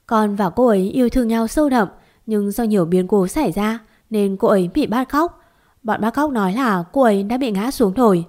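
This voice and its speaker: A woman's voice: medium pitch, a little fast, darkish tone, close to an everyday voice. A woman voicing an earnest young man who pleads and stammers as he searches for his lost love.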